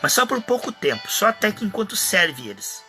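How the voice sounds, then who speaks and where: Brazilian pastor guy preaching, slightly high voice, mocks whiny folks. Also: sing-song, fairly quick, pushed and bright, soft background music. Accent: Brazilian Portuguese. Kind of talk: live sermon.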